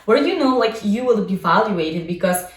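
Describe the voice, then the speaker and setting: This Polish vlogger and coach, a young adult woman, sounds animated, speaking at a moderate pace in a mid-range voice. She describes her own life casually, leaning on fillers such as "like" and "you know". Her voice echoes around the room, picked up by a distant mic.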